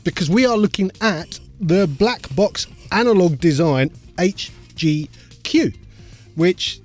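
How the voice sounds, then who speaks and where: A man, co-hosting a casual chat about music production and gear, chatty and quick to laugh. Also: sits high, lively intonation, a little mellow. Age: 50s. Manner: chatty, laughs often, loses names mid-sentence. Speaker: co-host of a music production show.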